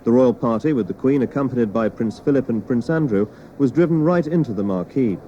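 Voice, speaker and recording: A man reads a broadcast news report in a measured, crisp delivery, his voice sitting in an ordinary middle register. The sound comes from a worn tape copy of an old broadcast, dull and muffled, with loud hiss under it. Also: mid-range voice, animated.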